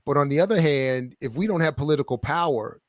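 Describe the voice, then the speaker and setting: A man's voice: on the high side, fast, no room sound, studio quality. A man guest, an author and scholar, answering interview questions with building passion over a video call. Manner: passionate, builds up and gets amped.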